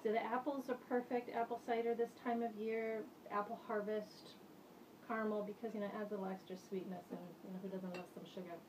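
A woman's voice: medium pitch, flat delivery, fast talker. Chatty woman host in her kitchen. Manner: chatty and explanatory, talking to camera while mixing tea. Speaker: host of a witchcraft kitchen show. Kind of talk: casual how-to vlog. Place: home kitchen, indoors. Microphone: camera mic from a few feet away. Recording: slightly distant camera mic with faint room noise.

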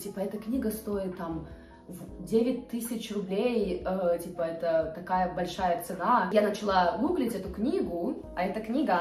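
Sitting on her living room couch, a twenty-eight-year-old woman vlogs to a camera a few feet away, talking with her hands in a chatty, hesitant way full of fillers. Her voice is medium-pitched and darkish, and the roomy audio carries faint background music.

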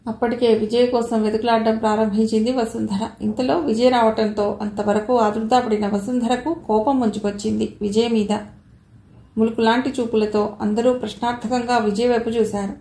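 A woman narrating an audio novel in a steady, even storytelling manner. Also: a little high, moderate pace. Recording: roomy echo.

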